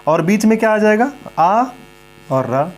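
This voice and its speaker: A man's voice: high voice, lively intonation, a little slow. A man teaching a grammar lesson in a classroom lecture style, who asks questions and answers them himself and repeats the key points.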